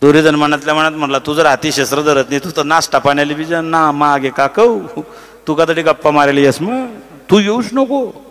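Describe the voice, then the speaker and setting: A man whose voice runs on the high side speaks a little fast, his words leaving a long reverb tail. Preaching a devotional kirtan, he tells an animated story, takes on the characters' voices and bursts into sung chant.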